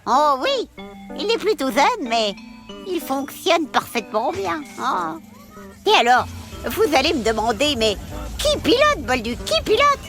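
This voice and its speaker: A woman's voice: high-pitched, big pitch swings, unhurried, fairly bright tone, faint music behind, exaggerated voice. A woman voicing a cheerful, giggly female elf who tells stories to children, exclaiming often and hesitating with many fillers. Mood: excited. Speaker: children's storyteller. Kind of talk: children's story narration.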